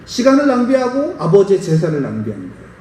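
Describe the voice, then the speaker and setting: A pastor preaching a sermon and telling a story, often putting questions to the congregation. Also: male voice, sits high, wildly swooping pitch, fast, dark tone, a little hiss or hum. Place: church sanctuary. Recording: roomy church sound from a distant mic.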